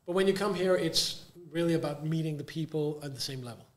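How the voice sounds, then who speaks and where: Panel guest: man with a fairly high voice, explains with homely images, stutters on repeats, echoey live room. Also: fast talker. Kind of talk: casual panel chat. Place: live conference venue. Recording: echoey live event recording.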